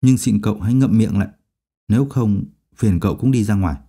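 A man's voice: fairly low pitch, expressive, quick pace, warm tone, husky, pitched below the performer's own voice. A man voicing a tense young male graduate student who speaks coldly and curtly. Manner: cold and clipped.

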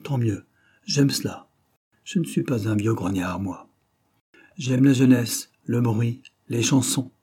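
A man's voice: slow, a little mellow, breathy edge. Man voicing a jovial old bandit captain. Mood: gleeful. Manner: booming, teasing, theatrical.

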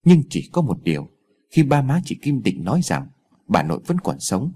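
A man narrating a ghost story in an expressive, dramatic way. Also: mid-range voice, normal speed, husky.

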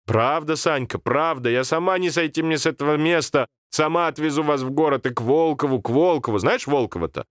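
A man voicing a fussy, scolding old village grandmother in a storybook reading, with drawn-out country speech. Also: a little high, dry recording, pitched above the performer's own voice, natural voice.

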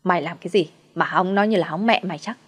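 A woman's voice: lowish voice, fast talker, husky, faint music behind. A woman voicing a cruel, scheming older mother-in-law who scolds harshly and then turns falsely sweet. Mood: scornful.

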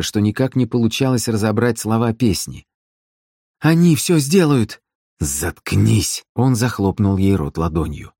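Male audiobook narrator with a low voice, measured and dramatic, recorded dry. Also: a little mellow, no echo. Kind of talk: scripted narration.

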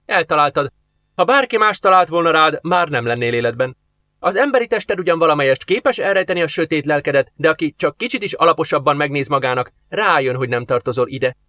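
A man's voice: a little high, animated, sharp tone, dry recording, pitched above the performer's own voice. A man voicing a stern, impatient young angel who talks in a curt, commanding way, read for an audiobook. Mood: urgent.

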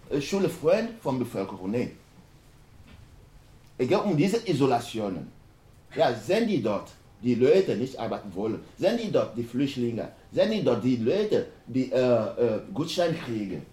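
Speaking German, which is not his native tongue, this man stumbles through a panel discussion with many restarts, sometimes breaking off mid-word. His dark, mellow voice ranges widely in pitch, echoing around a university lecture hall.

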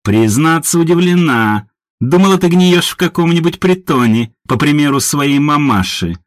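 A man's voice: fairly high pitch, animated, moderate pace, no room sound, studio quality, pitched above the performer's own voice, natural voice. A man voicing a spiteful, sneering middle-aged woman full of contempt.

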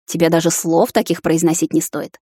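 A woman's voice: low voice, little pitch movement, a little fast, husky, no echo, clean studio sound. A woman voicing a stern young male captain and hunter who scolds and coaxes his fiancée, in a storybook reading. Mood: coaxing. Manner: scolding then softly coaxing.

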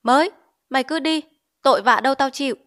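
A woman voicing a hot-tempered middle-aged village chief who shouts orders in an audiobook. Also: fairly high pitch, fairly quick, close to an everyday voice. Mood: angry shouting. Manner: shouting, bossy.

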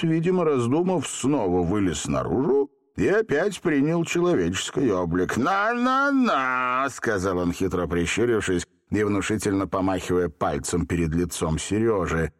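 A man narrating a children's storybook in an expressive, dramatic way. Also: fairly low pitch.

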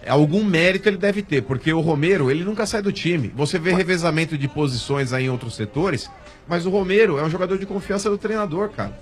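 A man's voice: fairly high pitch, quick pace. A man with a Brazilian Portuguese accent arguing insistently in a football debate on a radio show, often cutting in to repeat his point. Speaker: sports show panelist. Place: radio studio.

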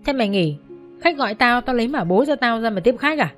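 A woman voicing a gruff, bullying bar manager. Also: a little high, expressive, brisk, a bit bright, faint music behind, pitched above the performer's own voice. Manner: gruff, threatening. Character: harsh male karaoke bar manager, bullying.

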